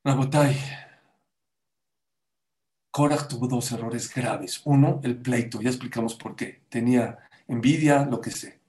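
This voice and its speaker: A man giving a sermon as a rabbi, animated, acting out quoted voices with sudden loud and soft turns. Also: mid-range voice, measured pace, pauses often, roomy sound.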